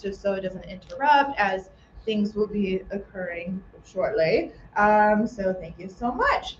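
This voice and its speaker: A woman with a high, bright voice hosts a live festival from a theater stage, chatty and upbeat with playful self-joking asides. She speaks into a stage microphone. The sound is roomy and a little muffled, with faint noise behind her. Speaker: festival emcee. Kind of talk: live event announcements.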